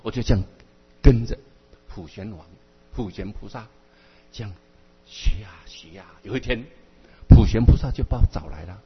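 A man teaching as a Buddhist teacher, telling a sermon story in an animated way and often checking with his listeners, heard in a dull, echoey hall recording. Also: fairly low pitch, normal speed, pauses often, slightly rough. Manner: animated storyteller who often asks the audience "right?".

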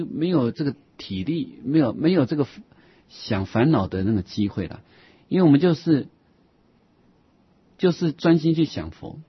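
Male Buddhist teacher, raspy voice, animated intonation, lecturing patiently. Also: on the high side, no echo. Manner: repeats key phrases slowly, frequent soft 'hao' asides. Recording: dull lo-fi recording.

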